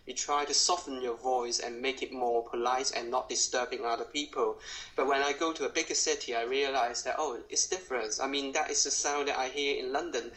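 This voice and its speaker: A woman with a strong Cantonese accent, speaking informally and reflectively as a voice teacher, haltingly rephrasing as she goes. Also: rumbling low, low-quality recording. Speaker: drama school voice teacher.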